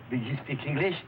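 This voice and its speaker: In an old-time radio drama, a male actor with a mid-range voice plays a jovial, genial, self-important Mexican villager, speaking accented, broken English mixed with Spanish. The old radio recording is noisy and dull.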